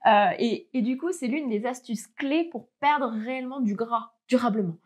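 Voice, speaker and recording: A woman's voice: fairly high pitch, normal speed, a little mellow. A young woman fitness coach giving casual tips straight to the viewer, chatty and full of fillers. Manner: chatty, many fillers, addresses viewer directly.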